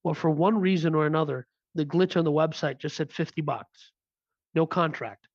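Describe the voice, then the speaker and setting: Man in his thirties, fairly high voice, muffled dry sound, rambling storyteller. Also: normal speed, dry recording. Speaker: podcast co-host. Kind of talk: casual chat.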